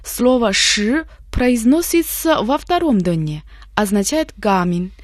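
A woman co-hosting a scripted radio language lesson, slowly explaining words one at a time. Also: a little high, darkish tone, dry recording, clean studio sound. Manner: slow, careful explanations of words.

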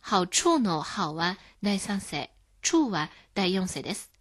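A woman hosting a scripted radio lesson, explaining words calmly. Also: lowish voice, slow. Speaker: Chinese language teacher.

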